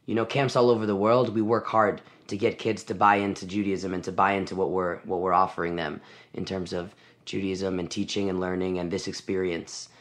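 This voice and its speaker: A man's voice: low-pitched, flat delivery, a little fast. A man in his twenties, a camp song leader, talking thoughtfully in a casual interview. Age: 20s. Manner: thoughtful, talks in restarts.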